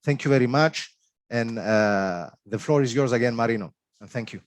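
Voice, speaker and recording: A man giving formal opening remarks at a webinar, reading smoothly but stumbling when he goes off script. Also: mid-range voice, normal speed, dry recording. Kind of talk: formal speech.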